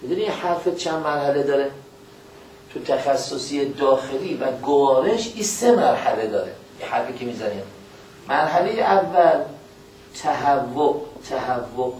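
A man delivers a religious lecture in a folksy style, putting questions straight to his listeners and quoting scripture at a slow, measured pace. His medium-pitched voice has lively intonation and a darkish tone, with slight background noise.

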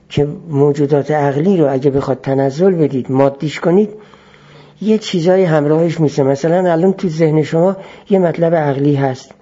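A man teaching philosophy in a measured lecture style, repeating key phrases as he explains. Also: on the high side, warm tone, highs cut off.

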